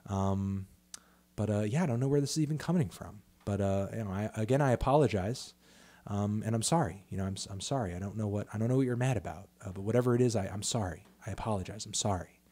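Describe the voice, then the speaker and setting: He talks fast in a lowish, mellow voice. The speaker is a man in his thirties, a music critic running a loose livestream Q&A where he answers viewers, swearing often and restarting sentences amid lots of fillers.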